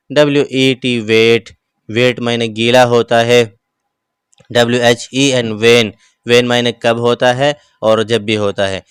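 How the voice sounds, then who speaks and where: A man teaching English pronunciation, spelling each word letter by letter and then saying it slowly. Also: mid-range voice, fairly bright tone, clean tone, dry recording, clean studio sound. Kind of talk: slow spelled-out pronunciation lesson.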